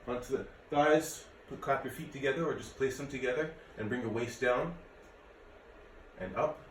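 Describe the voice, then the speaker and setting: Speaking at normal speed with a medium-pitched voice, this late-30s martial arts and fitness instructor talks viewers through a workout in a relaxed, easygoing way. It was recorded at a distance in an echoey room with slight background noise.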